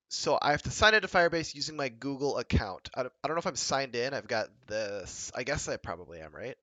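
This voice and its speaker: A man co-hosting a coding livestream in a casual, halting way with many ums, speaking into a headset mic. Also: mid-range voice, big pitch swings, bright, forceful tone, no echo. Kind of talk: casual live coding chat.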